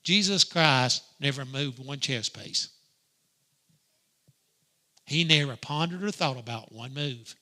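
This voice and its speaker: A middle-aged man teaching a Sunday school lesson in a preaching style, emphatic and swinging from loud to hushed. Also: medium pitch, animated, takes it slowly, long pauses. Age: grandparent age, middle-aged or older.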